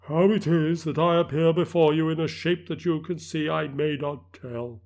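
A man's voice: fairly high pitch, fairly even intonation, normal speed, a little mellow, natural voice. A man voicing the anguished ghost of a dead miser, wailing and declamatory. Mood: warning.

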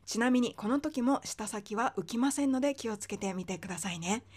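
A woman teaching English pronunciation on a podcast, explaining patiently with frequent fillers and slowing down to demonstrate sounds. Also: on the high side, expressive, darkish tone.

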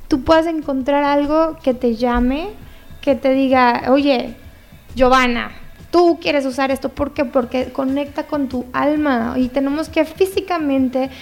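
High-voiced woman, chatty. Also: steady tone, unhurried. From born in the US, raised in Mexico. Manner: chatty and enthusiastic, laughs often. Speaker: guest painter. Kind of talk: casual interview.

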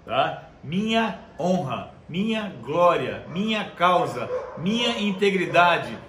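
A male preacher delivering a conversational sermon, reading scripture aloud slowly and checking in with his listeners. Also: high voice, big pitch swings, background noise. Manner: conversational, constant tag questions. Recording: echoey room with faint ambience.

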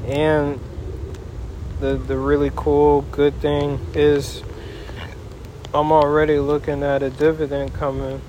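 A man hosting a casual solo podcast outdoors in a backyard, rambling in a folksy way and pausing mid-thought. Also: fairly high pitch, completely flat delivery, mellow, lo-fi sound. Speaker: podcast host. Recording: noisy outdoor backyard, wind and ambience.

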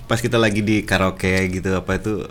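A man's voice: sits low, steady tone, a little fast, over music. A man hosting a casual chat who affirms his guests with short remarks.

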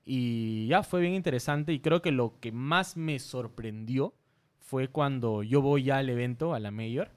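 A man's voice: mid-range voice, measured pace, a little mellow. Earnest Peruvian-born man telling a story. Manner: earnest, self-conscious, frequent restarts. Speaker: guest content creator. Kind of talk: casual interview storytelling.

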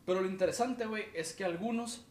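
A man's voice: high voice, fast, far from the mic. Man, Mexican Spanish accent, casual podcast host, slangy storyteller, slightly raised voice, echoey room, a bit off-mic. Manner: animated storytelling, peppered with slang fillers.

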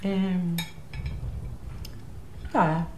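An actress playing a wife chatting casually at home in a film scene. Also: female voice, fairly low pitch, flat delivery, drawn-out words, a little mellow, faint music behind. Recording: echoey film audio.

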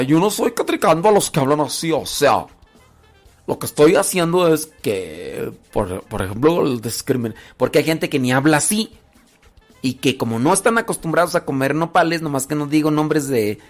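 A man with a Mexican Spanish accent giving a casual, conversational moral talk, often acting out little everyday scenes to make his points. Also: on the high side. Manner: conversational, acts out little scenes, frequent fillers.

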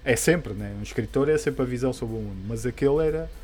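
Portuguese guy from portugal accent, mellow voice, casual rambly chat, bit of music in the back. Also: medium pitch, quick pace. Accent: European Portuguese. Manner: hesitant, rambling, colloquial. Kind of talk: casual chat about comic books. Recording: background music under the voice.

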